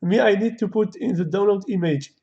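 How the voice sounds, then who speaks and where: A gravelly-voiced man tutors programming in a casual screen-recorded coding lesson, his high voice carrying a dark tone. He thinks aloud in halting non-native English full of fillers, his first language being Kabyle or Arabic. The home recording sounds dull and lo-fi.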